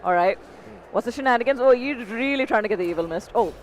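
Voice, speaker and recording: A woman's voice: a little high, animated, a little hiss or hum. Bubbly female esports co-caster. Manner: bubbly, playful, quick to laugh. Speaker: esports co-commentator. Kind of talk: live fighting-game commentary.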